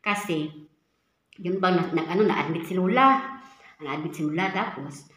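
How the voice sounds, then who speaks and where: A woman's voice: on the low side, moderate pace, fairly bright tone. A young Filipina woman, a caretaker, telling a story in a casual vlog, chatty and full of fillers, often speaking to her viewers. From Philippines. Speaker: caretaker for an elderly woman in Taiwan. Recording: echoey room.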